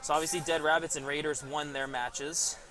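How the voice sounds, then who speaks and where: A man's voice: a little high, little pitch movement, a little fast, sharp tone. A man casually commentating a live paintball webcast outdoors, chatty and rambling, laughing at himself. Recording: outdoor background noise.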